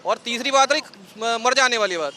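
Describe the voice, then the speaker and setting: A man's voice: very high voice, fairly quick, pushed and bright. A man being interviewed on a city street, speaking earnestly and rambling with many fillers.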